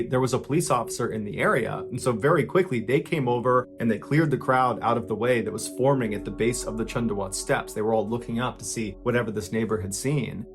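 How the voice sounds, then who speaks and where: A man hosting a podcast, telling a dark true story in suspenseful dramatic narration, getting louder at tense moments and dropping low at grim ones.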